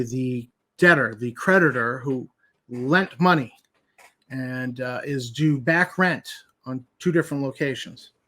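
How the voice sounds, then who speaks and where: A man's voice: mid-range voice, a bit bright. A man giving informal commentary as he reads through a document, emphatic and skeptical, repeating key points for effect. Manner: incredulous, skeptical. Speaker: commentator host.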